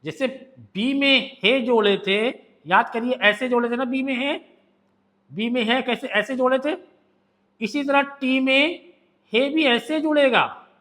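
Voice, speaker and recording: A man teaching a shorthand lesson in a strikingly high voice, taking his time over each stroke. He drills sounds patiently, saying them again and again. His tone is crisp and bright, and the room rings with long reverb. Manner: slow, patient drilling with repeated stroke names.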